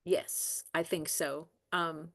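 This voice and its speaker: A woman's voice: low-pitched, level tone, slow pace, gravelly. A woman presenting health policy in a webinar, answering questions with frequent ums and restarts. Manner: rambling, many ums and restarts.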